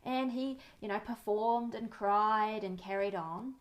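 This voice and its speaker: Nz woman in her 30s, calm and reassuring, chatting parenting tips to camera, middle pitch. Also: a little slow. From New Zealand. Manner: friendly, anecdotal, calm and reassuring. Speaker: parenting educator. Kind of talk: talking-to-camera advice.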